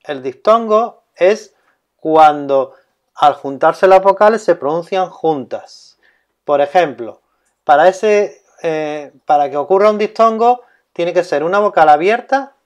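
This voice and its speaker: Male teacher, somewhat higher voice, patient and repetitive delivery. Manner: slow, deliberate, repeats key terms. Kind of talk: grammar lesson explanation.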